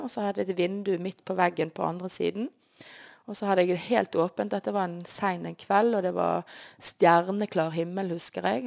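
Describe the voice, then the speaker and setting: Woman guest telling her faith story, earnest and heartfelt, with vocal fry. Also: medium pitch, darkish tone. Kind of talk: personal faith testimony.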